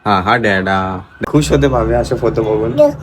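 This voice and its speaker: A man's voice: on the low side, normal speed, a little hiss or hum. A young man filming a casual home vlog. He chats to the camera and talks baby talk to his toddler. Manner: chatty, switches between baby talk and explaining to viewers. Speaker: vlogger and father.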